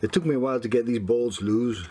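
A man in his fifties with a Dutch accent casually explains DIY repairs in halting non-native English, searching for words as if translating in his head. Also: medium pitch, dark tone, a little hiss or hum. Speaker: sailing vlogger. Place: small boat cabin interior.

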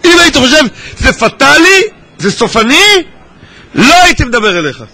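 A high, bright-voiced Israeli man speaks in a sing-song way at a lively gathering for students in a large synagogue hall. He teases and jokes, calling out to individuals in the crowd, and the recording is rough.

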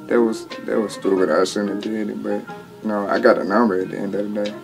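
Sitting in a small home studio with music underneath, a rapper aged twenty handles interview questions in an easygoing drawl, restarting often and leaning on slang. His fairly low, creaky voice stays flat at a moderate pace.

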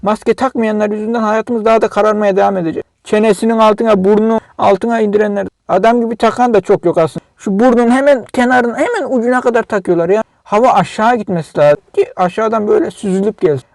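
High, gravelly man ranting angrily. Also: fast talker, hardly any pauses, a little mellow, no echo. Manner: agitated, scolding, ranting. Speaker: vlogger. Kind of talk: angry monologue to camera.

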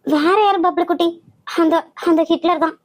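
A woman voicing a hurt, hot-tempered elder sister who speaks slowly and low, with a Kanyakumari Tamil accent. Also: steady tone. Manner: slow, lower, subdued.

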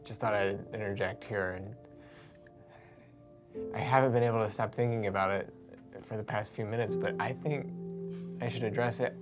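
A man playing at a tabletop game in a studio, talking with hesitant, earnest pauses. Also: fairly low pitch, steady tone, loud music behind the voice. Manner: hesitant, earnest, breaks into laughter. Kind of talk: in-character table play.

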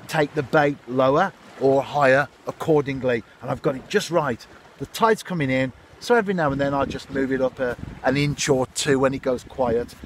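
Out on the seaside rocks, a man in his fifties records a relaxed outdoor fishing vlog on a phone held at arm's length, chatting to viewers about his day. His pitch is medium, and there's a slight amount of background noise.

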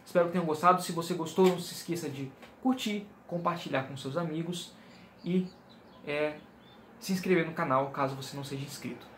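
A man's voice: on the high side, brisk, a bit bright, reverberant, a little hiss or hum. A man with a Brazilian accent hosting a channel, explaining his reading method in a casual, instructive way and checking in with viewers. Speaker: channel host giving reading tips.

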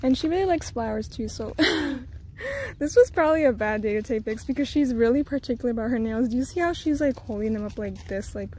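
A woman's voice: expressive, fairly quick, darkish tone, slight background noise. A young woman vlogging outdoors in a garden, chatty and a bit flustered, slightly out of breath as she gives tips. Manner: chatty, slightly flustered, switches to high sing-song when coaxing her toddler. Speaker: vlogger and mother. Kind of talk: casual outdoor vlog with tips. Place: outdoors in a garden, under a tree.

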